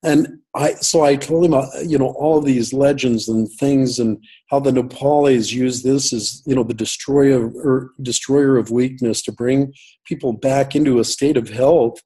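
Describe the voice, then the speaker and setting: A man's voice: medium pitch, fairly even intonation, moderate pace, warm tone, breathy edge, low-quality recording. A man telling a long personal story as an interview guest over a call, rambling with many fillers and restarts. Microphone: call audio.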